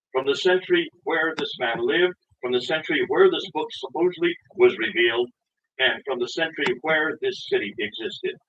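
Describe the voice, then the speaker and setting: A man delivers a public lecture to a live audience in a hall, emphatic and brisk, with a slightly high voice that swings widely up and down. He sounds set back from the microphone. The sound is muffled, with faint noise underneath. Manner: emphatic, brisk and animated, addressing the room. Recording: distant, muffled mic with faint background noise.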